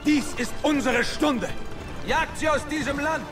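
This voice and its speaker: Proud warrior horseman for a fantasy game: very high, rallying cries over loud music. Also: unhurried. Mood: rallying, fierce. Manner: rousing battle cries. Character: proud, fierce male fantasy horseman commander. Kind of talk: video game unit battle barks.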